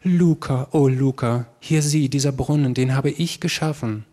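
A man's voice: a little high, moderate pace, darkish tone, husky, voice pushed up. A man doing a grandiose actor's bragging sculptor. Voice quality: exclamatory, grandiose. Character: theatrical male actor mimicking a grand sculptor.

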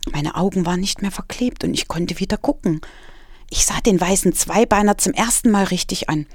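A woman author reading her own children's story aloud in an expressive storytelling manner. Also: mid-range voice, no room sound, clean studio sound.

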